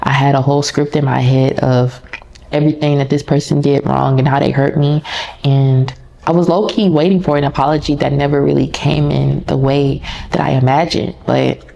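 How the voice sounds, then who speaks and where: A woman hosting a podcast tells her story in a low, gravelly voice, candid and conversational, speaking straight to her listeners. A faint hiss of noise sits under the recording. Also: steady tone, normal speed, dark tone, muffled recording. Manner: candid, casual and conversational, addresses listeners as y'all. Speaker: podcast host. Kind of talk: personal storytelling monologue.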